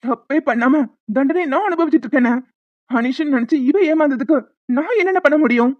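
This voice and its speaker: A voice actor doing a hurt, angry young husband. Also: male voice, very high voice, brisk, no room sound. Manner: shouting, bitter, then softly pleading. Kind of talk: Tamil cartoon voice acting. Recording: dull lo-fi sound.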